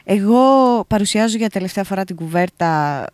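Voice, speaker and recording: A woman's voice: mid-range voice, a little mellow, no echo. A woman who is a comedian guest on a quiz podcast, giggling and joking with the host in a studio. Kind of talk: casual banter on a podcast. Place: recording studio.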